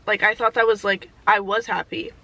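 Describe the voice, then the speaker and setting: A woman's voice: medium pitch, steady tone, moderate pace, bright, forceful tone, no room sound, rough recording. A young woman talking casually and candidly in a year-in-review vlog, reflective and swearing freely, getting teary at times. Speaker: vlogger.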